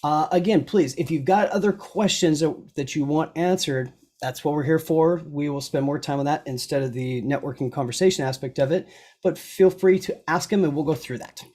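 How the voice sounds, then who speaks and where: A man's voice: fairly high pitch, a little fast, darkish tone. A man co-hosting a live online Q&A, chatty and joking, laughing often between his remarks. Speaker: co-host. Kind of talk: casual live Q&A chat.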